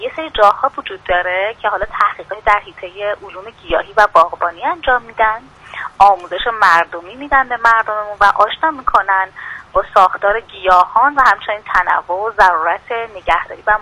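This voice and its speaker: A woman's voice: medium pitch, pushed and bright. A woman contributor speaking over the phone to a radio show, presenting a feature in a friendly, informative way. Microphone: telephone. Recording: phone line into radio broadcast.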